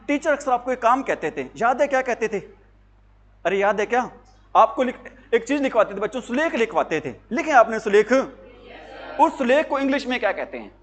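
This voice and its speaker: A male teacher giving an exam-prep lesson to students, asking questions and answering them himself in a call-and-response way, with jokes and anecdotes. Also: very high voice. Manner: jokey, tells anecdotes.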